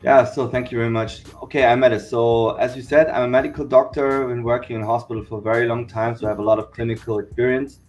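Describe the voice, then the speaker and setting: A man's voice: mid-range voice, quick pace, few pauses, soft background music. A man from Germany, a company founder, explaining his work steadily in a podcast interview. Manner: steady explanatory, repeats "we said okay".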